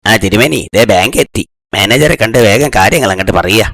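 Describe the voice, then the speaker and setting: A sly servant in a kids' cartoon, bowing to his lord aloud and grumbling sarcastic remarks under his breath. His tone is rough and gravelly. His lines stay lower and quieter than his master's. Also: expressive, a little fast, dry recording, full character voice. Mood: hurried. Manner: mutters sarcastic asides, humble address.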